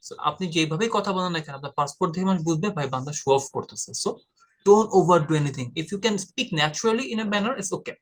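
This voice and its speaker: Man from bangladesh, exam tutor, direct informal lesson, voice a bit high. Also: animated, brisk. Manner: direct and informal, addresses viewer as brother. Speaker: IELTS tutor. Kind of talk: casual explanatory lesson.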